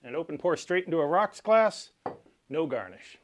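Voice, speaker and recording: Man, somewhat higher pitch, cocktail tutorial host, measured instructional delivery, step-by-step explaining. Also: big pitch swings, slight background noise. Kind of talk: cocktail recipe tutorial presentation.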